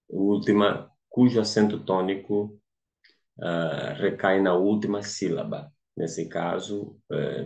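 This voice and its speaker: A man teaching a grammar lesson, speaking deliberately, repeating words and examples, with hesitant fillers and self-corrections. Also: deep voice, a little mellow.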